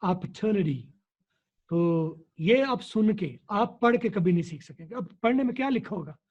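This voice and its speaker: A man's voice: high voice, animated, normal speed, a little mellow, husky. A man, an English teacher explaining in an interview, teacherly and repeating key words to drill them. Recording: dull lo-fi recording.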